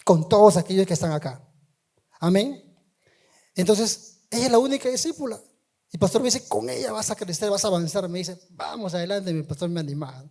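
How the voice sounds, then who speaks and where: High-voiced man preaching. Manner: swings from quiet storytelling to loud emphatic calls. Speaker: preacher giving testimony. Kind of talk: sermon testimony.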